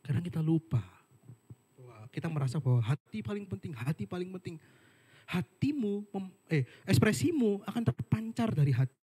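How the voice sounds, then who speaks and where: A young man gives a relaxed sermon. His pitch runs high and swings widely as he tells stories with slangy, joking asides. His voice has a slightly husky edge. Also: normal speed. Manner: chatty storytelling, jokey asides, slangy. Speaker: worship speaker. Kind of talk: casual sermon. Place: online worship service.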